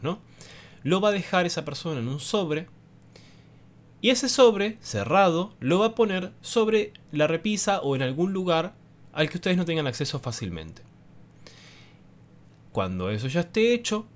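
Lively man explaining. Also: medium pitch. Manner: animated teacherly talk with rhetorical questions. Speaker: host. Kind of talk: explanatory monologue to camera.

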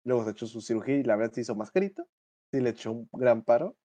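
A young Mexican man co-hosting a casual podcast, rambling in slang with plenty of fillers and restarts. His voice sits in a mellow, darker register at an ordinary pitch for a man. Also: expressive, racing. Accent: Mexican Spanish. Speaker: podcast co-host. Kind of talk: casual chat.

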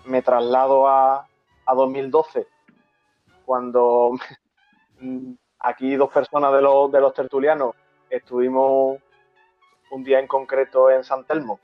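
A man tells an old memory at an unhurried pace, stumbling over and repeating his words. The recording is dull and lo-fi, with faint music underneath. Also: mid-range voice, monotone, dry recording. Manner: halting, repeats words, moved. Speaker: host of a brotherhood talk show. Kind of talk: emotional storytelling in casual chat.

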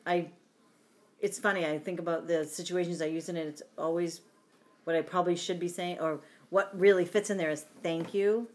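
A woman's voice: fairly low pitch, fairly even intonation, a little fast, darkish tone. A woman in casual group chat, talkative, laughing easily and trailing off mid-sentence.

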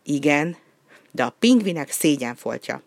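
A reader voicing a patient, motherly female seal who speaks calmly and scolds gently. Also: mid-range voice, vocal fry, no echo. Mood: patient, admonishing.

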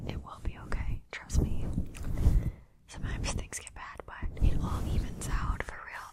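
A woman whispering slow, reassuring ASMR very close to a fluffy microphone, in a hushed and soothing manner. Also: low-quality recording. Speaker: ASMR host. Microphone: fluffy-covered mic close up, sounds from ear to ear. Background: soft mic scratching and brushing.

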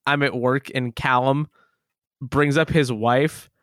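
A man's voice: mid-range voice, slow, no echo, studio quality. A man co-hosting a podcast in casual chat, joking wryly and laughing at his own lines. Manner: wry, joking deadpan, laughs at own jokes. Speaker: podcast co-host.

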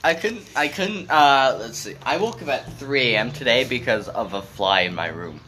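An easygoing young man on a podcast with a mid-range voice that rises and falls a lot. He chats loosely and laughs along, and the noisy recording carries a steady hiss. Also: mid-range voice, moderate pace. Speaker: podcast co-host. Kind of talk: casual chat.

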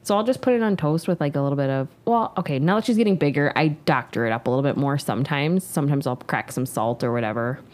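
A woman's voice: sits low, fast talker, few pauses, darkish tone. A woman in her thirties, a co-host in casual chat, who acts out quotes in big voices. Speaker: podcast co-host.

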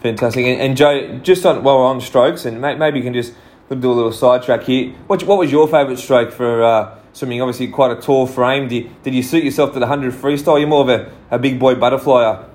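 A man's voice: medium pitch, fairly quick, a little mellow. An Australian man hosting a casual sports chat, enthusiastic and rambling with many fillers and restarts. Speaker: podcast host.

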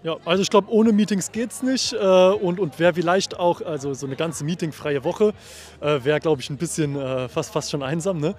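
A male software developer answering interview questions outdoors, hesitant and stammering with many restarts. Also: on the high side, normal speed. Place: outdoors at a summer party.

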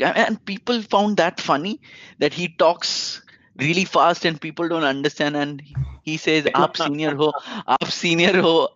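A man's voice: high-pitched, a bit bright, no echo, lo-fi sound. An Indian-accented man in an argumentative, emphatic film discussion, casually switching between English and Hindi. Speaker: podcast panelist.

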